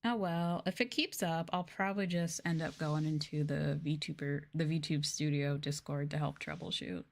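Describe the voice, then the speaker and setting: A woman with a low, expressive voice and some vocal fry talks at a moderate pace. She's a VTuber livestreamer chatting softly and casually with her viewers, rambling informally and leaning on "like" and "y'all."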